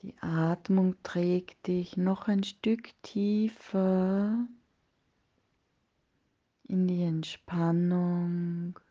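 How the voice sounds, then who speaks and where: A woman leading a guided meditation in a soft, breathy, partly whispered voice, soothing and hushed, with long pauses between phrases. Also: fairly low pitch, fairly even intonation, dull audio.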